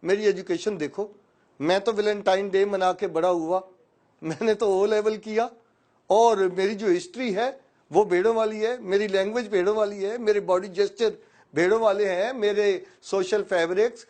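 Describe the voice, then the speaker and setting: A man telling a story plays a young lion convinced he is a sheep, pleading his case earnestly and insistently in a rather high voice. The voice is the storyteller's own, hardly changed. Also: steady tone, a little mellow, natural voice.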